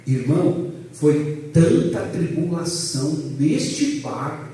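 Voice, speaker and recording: A man, a pastor teaching a Bible class in a loud, animated way, joking with the class and putting questions to them. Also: on the high side, slow pace. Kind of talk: lively church class lecture. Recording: echoey room, voice from a distance.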